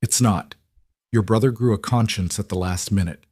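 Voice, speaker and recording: A man reading the lines of a sharp, cool-headed former female CEO in a level, probing way. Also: lowish voice, moderate pace, slightly rough, no echo, studio quality.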